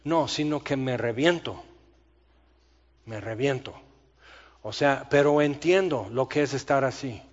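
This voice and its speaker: Brief: male preacher, theatrical, rambling storyteller, dull lo-fi sound with long hall reverb. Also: medium pitch. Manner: self-described long-winded, talks fast and theatrically. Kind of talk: sermon.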